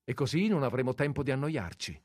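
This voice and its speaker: A man reading aloud and voicing a sharp-tongued, flirtatious society lady in a mocking, teasing tone. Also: animated, a little fast, no room sound, studio quality, close to an everyday voice. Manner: mocking and teasing, raised pitch.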